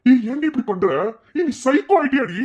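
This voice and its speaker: A man's voice: high-pitched, lively intonation, fast, a little mellow. An actor playing a husband who angrily scolds his wife, then pleads with her. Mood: angry. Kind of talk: TV serial dialogue.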